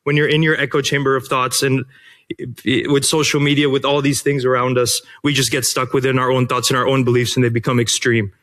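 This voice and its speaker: A man giving an earnest, halting public comment at a city council meeting, speaking into a podium microphone. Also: mid-range voice, flat delivery, a bit bright.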